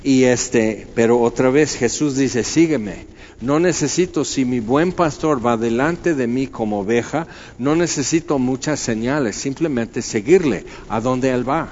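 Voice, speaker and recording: A man's voice: mid-range voice, a little slow, few pauses. A man preaching a sermon in a loose, conversational way, full of fillers and acted-out asides. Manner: conversational, animated storytelling with many fillers. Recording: slightly dull, faint background noise.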